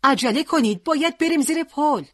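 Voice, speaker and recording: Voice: mid-range voice, sing-song, no room sound. A firm young male commander, grieving but resolute, as a storyteller voices him. He gives urgent orders in a mid-range voice that rises sharply when he calls out. The sound is dry and close.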